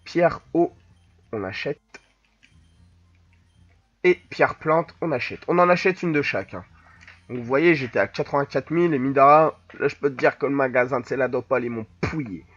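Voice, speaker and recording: A man giving jokey, animated let's play commentary and shouting out attack commands. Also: medium pitch, moderate pace, pauses often, dry recording, dull audio. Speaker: gaming YouTuber.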